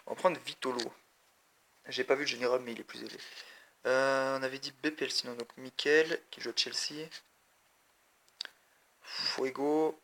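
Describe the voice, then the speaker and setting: Gravelly, flat-toned gaming commentator man. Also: mid-range voice, normal speed, pauses often. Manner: rambling, chatty, addresses viewers directly. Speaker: mobile gaming video creator. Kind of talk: casual gameplay commentary.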